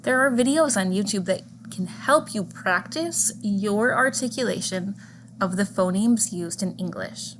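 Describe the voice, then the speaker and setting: A woman delivers a scripted lecture in a measured, clear voice of middling pitch. She slows down to spell out example words and single sounds. A steady hum of noise sits behind her voice in the recording. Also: poor audio. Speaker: teacher educator. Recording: audible background noise.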